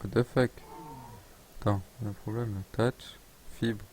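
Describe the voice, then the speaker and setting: A man's voice: on the low side, level tone, normal speed, darkish tone, slight background noise. A young man live-streaming a game, chatting casually, reading chat aloud and joking around with playful accent attempts. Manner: rambling, reads chat aloud, jokes and tries out accents.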